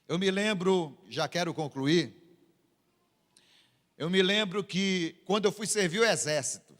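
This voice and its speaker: A man's voice: on the high side, fairly bright tone, in a large hall. A Brazilian man preaching a sermon as a pastor in a church, with dramatic delivery that acts out the scripture lines. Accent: Brazilian Portuguese.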